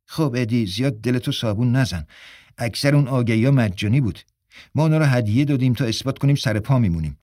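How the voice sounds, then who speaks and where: A man's voice: mid-range voice, animated, mellow, no room sound, natural voice. A cocky, wisecracking editor, played by a man, tosses off lines in a breezy, joking way. The sound is close and dry, like a studio radio play. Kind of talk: radio drama acting.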